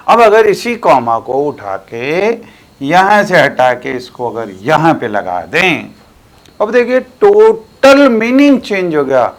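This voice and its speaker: An older man with an Indian accent teaching a classroom maths lesson, explaining patiently with emphatic stresses. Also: medium pitch.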